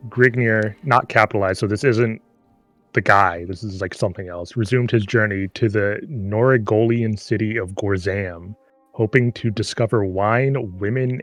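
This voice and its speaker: Low-voiced man reading aloud sarcastically. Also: no room sound. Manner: sarcastic, swears, stumbles and reads haltingly. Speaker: streamer co-reading a book aloud. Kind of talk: comic read-aloud with running commentary.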